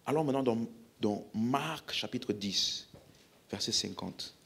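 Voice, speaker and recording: A man's voice: medium pitch, takes it slowly, creaky, a bit bright, slightly rough. A man with a French accent preaching a healing-service sermon, emphatically calling out questions to the congregation.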